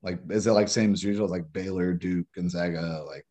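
A man co-hosting a podcast, chatting casually about sports in a rambling, halting way full of restarts. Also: low-pitched, steady tone, warm tone. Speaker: podcast co-host.

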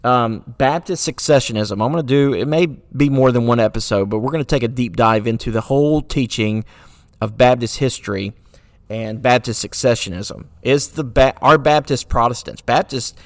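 A man hosts his own podcast in an earnest, searching way, firing off rhetorical questions and stumbling through fillers and restarts. His voice sits at an ordinary middle pitch. The sound is dry, with no room around it. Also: normal speed, no echo. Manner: sarcastic at times. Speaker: podcast host. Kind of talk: solo podcast commentary.

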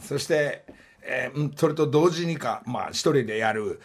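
A man in his sixties hosting a radio show, teasing his guest playfully and making jokey deadpan confessions. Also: medium pitch, normal speed, slightly rough. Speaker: radio host. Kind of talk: casual radio chat.

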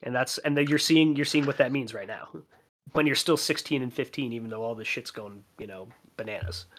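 A man's voice: mid-range voice, a little fast. A man from Chicago co-hosting a sports podcast, talking animatedly and casually with frequent fillers and the odd swear word. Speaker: podcast co-host.

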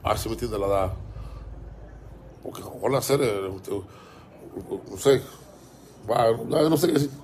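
A man's voice: on the low side, lively intonation, measured pace, pauses often, a little mellow, a little hiss or hum. Heated Cuban man ranting. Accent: Cuban Spanish. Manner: heated, repetitive, stumbling, profane. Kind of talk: casual ranting monologue.

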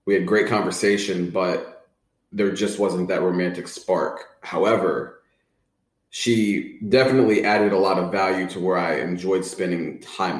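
A man appearing as a podcast guest, speaking in a measured, thoughtful way with frequent fillers. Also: deep voice. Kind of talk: casual chat. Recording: roomy echo.

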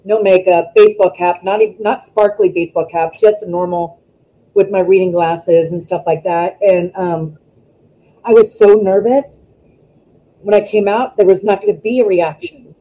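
A woman, a former wrestler, chatting as a guest over a video call, telling stories in an animated way and acting out what people said. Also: medium pitch, moderate pace, poor audio. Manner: animated storytelling, acts out quotes. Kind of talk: casual interview chat.

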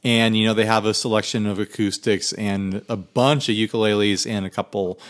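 A man's voice: fairly low pitch, fairly even intonation, fairly quick. A man co-hosting a podcast in casual, laughter-prone chat, recorded in a garage. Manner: laughs often while talking. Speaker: podcast co-host.

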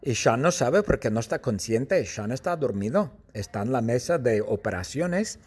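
A man telling a silly story slowly and plainly for language learners, in an animated, playful way. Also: husky. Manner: animated and playful, with frequent jumps in pitch.

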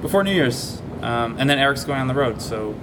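A Canadian man in his thirties hosting a casual sports podcast in a rambling, conversational way, over a low quality stream. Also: expressive, a little fast. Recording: low quality stream, noisy with rumbling hum.

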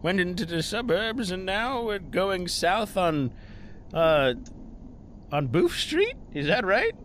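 A man's voice: sits high, big pitch swings, takes it slowly, fairly bright tone, a little hiss or hum. A man chatting casually and jokingly as a player in a tabletop role-playing game.

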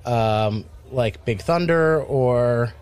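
A man's voice: medium pitch, very slow, a little mellow, clear, resonant tone. Male podcast co-host from Rhode Island, mid-range voice, casual and rambling. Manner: rambling, many fillers and restarts. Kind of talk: casual chat.

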